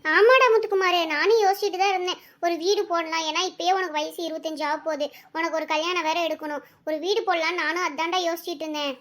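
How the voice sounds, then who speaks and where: A woman's voice: very high voice, fairly even intonation, fast, a bit bright. A woman voicing a caring, emotional village mother in a cartoon family drama. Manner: affectionate, tearful, talks in long runs.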